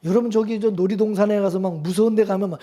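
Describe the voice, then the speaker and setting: Preaching to his congregation, this man swings from forceful urging to a hushed, calm tone while hurling rhetorical questions at them. He speaks fast in a high-pitched voice.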